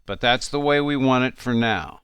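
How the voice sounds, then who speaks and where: Smooth-voiced male course narrator. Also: medium pitch, normal speed, fairly bright tone, no room sound. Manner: encouraging, reassuring instructor. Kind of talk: scripted narration.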